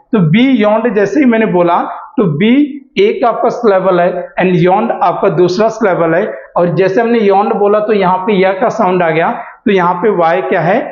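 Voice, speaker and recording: A man with a high voice teaches a beginners' pronunciation class. He keeps asking questions and answering them himself, and he stretches out example words. The room is echoey, and the recording sounds dull and lo-fi. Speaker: English teacher. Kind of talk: classroom-style lesson explaining pronunciation.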